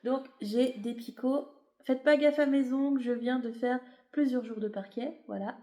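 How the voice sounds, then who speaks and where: A tired knitting vlogger with a cold rambles chattily through a show-and-tell of her knitting, full of fillers and self-corrections. Her high-pitched voice stays steady and warm at normal speed, in a roomy-sounding space.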